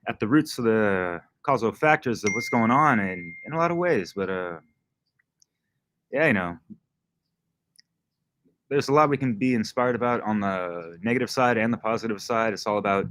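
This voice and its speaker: A man's voice: on the low side, animated, moderate pace, pauses often, fairly bright tone, no room sound. A man who is a guest DJ and podcaster, talking in a laid-back, slangy way and swearing freely. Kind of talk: casual livestream chat.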